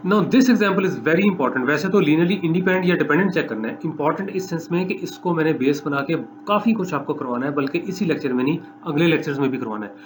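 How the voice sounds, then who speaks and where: A man giving a recorded mathematics lecture, walking students through each step, repeating points and dictating slowly for notes. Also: fairly high pitch, a little hiss or hum. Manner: explanatory, repeats steps, dictates slowly for note-taking. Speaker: math lecturer.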